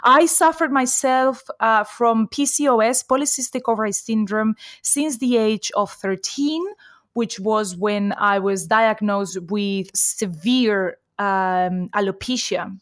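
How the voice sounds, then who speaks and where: A Colombian woman in her forties, a native Spanish speaker and nutritional therapist, chats as a podcast guest and laughs often. Her English carries a blend of Colombian and Spain-influenced accents, and her medium-pitched voice moves slowly. The studio sound is clean, with no room echo.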